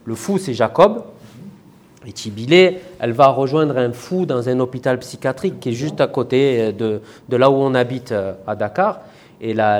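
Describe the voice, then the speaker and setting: A French author with a Marseille accent talks loosely in a casual interview, full of fillers and restarts. His voice is medium-pitched with a darkish tone.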